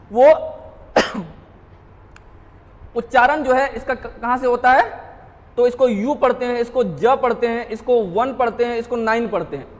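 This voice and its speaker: A man's voice: very high-pitched, long reverb tail. A man teaching an exam-prep grammar lesson, explaining step by step by asking rhetorical questions and answering them himself, with frequent checks that students are following. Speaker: English grammar teacher at a coaching class.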